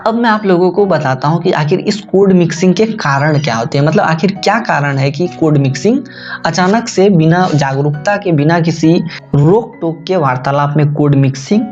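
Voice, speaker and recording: A man's voice: on the high side, normal speed, a little mellow, dull audio, soft background music. A man, an online tutor, giving a lecture and explaining a grammar topic, often repeating and correcting himself as he speaks to his viewers as friends. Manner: repetitive, self-correcting, addresses viewers as friends.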